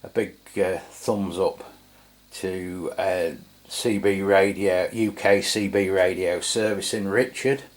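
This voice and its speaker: A slow, low-pitched male voice with a steady tone belongs to a middle-aged English radio review channel host. His product review is casual and matter-of-fact, wandering and hesitant as he goes.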